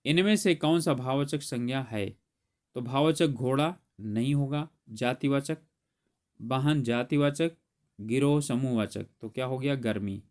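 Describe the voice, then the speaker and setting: A man's voice: medium pitch, a little slow, a little mellow. A man teaching grammar, solving an exam paper aloud step by step and correcting himself as he goes. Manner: explains step by step, corrects himself mid-sentence.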